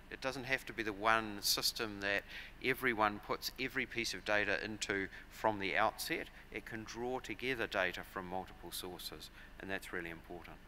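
Standing at the lectern of a big conference hall, a forties-aged speaker with a New Zealand accent explains his topic in a measured way, often using fillers and starting over. His fairly low voice comes across pushed and bright through the lectern mics, over slight background noise.

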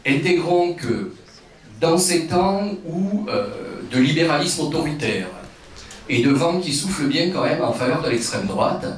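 A man speaks off the cuff at a political meeting in a very echoey room. His pitch moves widely as he makes his points into a handheld microphone, and the recording sounds a little distant. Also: lively intonation, measured pace. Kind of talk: impromptu political speech. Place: indoor meeting hall. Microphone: handheld microphone, seated.

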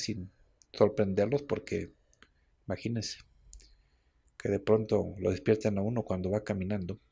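Gravelly, husky radio host. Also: male voice, on the low side, dark tone. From Mexico. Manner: chatty, explaining, with frequent tag questions. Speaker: radio host on herbal medicine. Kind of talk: explanatory radio talk. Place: radio studio.

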